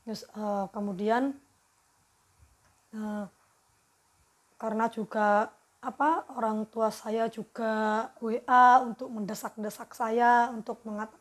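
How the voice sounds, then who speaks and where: A mother telling her personal testimony in a halting, earnest way, often pausing to search for words. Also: a little high, steady tone.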